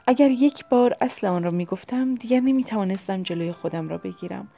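A woman voicing a lonely elderly aunt who speaks softly and tenderly in an audiobook. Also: mid-range voice, pitched above the performer's own voice, close to an everyday voice.

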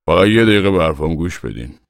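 A man's voice: sits low, expressive, gravelly, dry recording, studio quality. A man voicing an urgent, insistent father of a farming family about to move away.

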